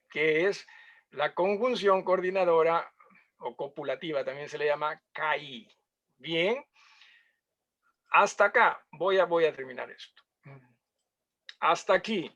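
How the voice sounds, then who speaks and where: Pastor teaching Bible grammar, high voice. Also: male voice, pushed and bright. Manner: explanatory, checks listeners with frequent questions.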